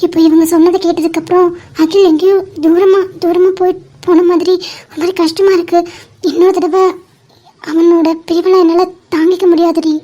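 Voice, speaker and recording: A woman voicing a lovesick young woman in an animated cartoon, speaking in a worried, hesitant way. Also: very high-pitched, fairly quick. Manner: worried, hesitant, tearful pleading.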